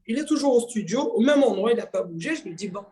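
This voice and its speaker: A woman's voice: fairly high pitch, fast talker, a little hiss or hum. A woman from Mayotte, a singer, telling her story in a casual interview, acting out dialogue and laughing often. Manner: lively, laughing, acts out dialogue. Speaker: guest singer.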